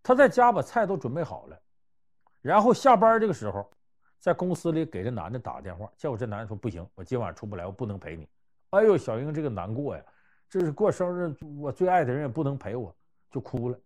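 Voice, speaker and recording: A man telling historical and everyday anecdotes to give life advice, conversational and animated, swinging between loud and hushed. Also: fairly high pitch, fast. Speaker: storyteller giving life advice. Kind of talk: anecdotal storytelling talk.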